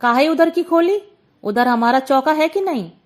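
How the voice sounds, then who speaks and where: Woman doing a shrill scolding old aunt. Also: animated, takes it slowly, full character voice. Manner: scolding, raised and sharp. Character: quarrelsome shrill older neighbourhood aunt.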